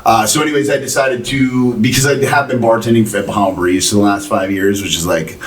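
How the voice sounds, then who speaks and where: A man's voice: lowish voice, fairly even intonation, a little fast. A man in his forties, chatting casually as a podcast co-host in a laid-back, profane storytelling manner. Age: 40s. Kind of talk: casual chat. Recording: slightly distant mic, faint room noise.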